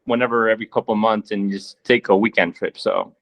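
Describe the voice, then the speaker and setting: A man's voice: lowish voice, fairly even intonation, fairly quick, gravelly, fairly bright tone, highs cut off. A man from Chile asking a question on a video call, laid-back and rambling, with lots of fillers. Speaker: caller.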